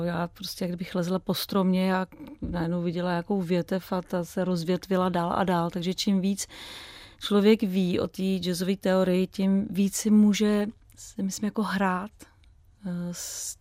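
A woman's voice: medium pitch, a little mellow, no room sound, studio quality. A young woman, a jazz singer and radio guest, talking casually and hesitantly, with many fillers and restarts.

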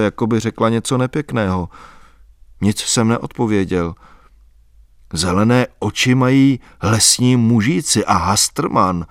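A man narrating a literary novel in a measured, soft-spoken, reflective way. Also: fairly low pitch, dry recording, studio quality. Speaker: audiobook narrator.

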